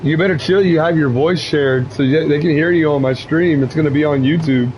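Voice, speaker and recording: A man's voice: a little high, fairly quick, background noise. A young man streaming a game, chatting casually on voice chat, swearing and teasing. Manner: profane, teasing, laughing on voice chat. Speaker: gaming streamer.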